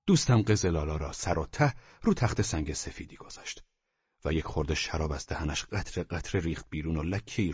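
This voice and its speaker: A man narrating a novel as an audiobook in calm, measured storytelling, often softening to a near whisper, on a dull lo-fi recording. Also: low voice, breathy edge, no room sound. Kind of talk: scripted literary narration. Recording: dull lo-fi dry studio recording.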